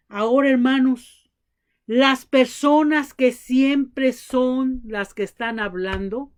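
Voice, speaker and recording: Woman preacher, high voice, tells lively family stories in her sermon. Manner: addresses the congregation as brothers, acts out family dialogue.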